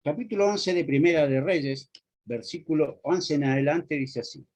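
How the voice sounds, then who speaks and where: A man's voice: a little high, moderate pace, a little mellow. A man preaching a sermon, speaking earnestly and putting pointed rhetorical questions straight to the listener. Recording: dull lo-fi recording.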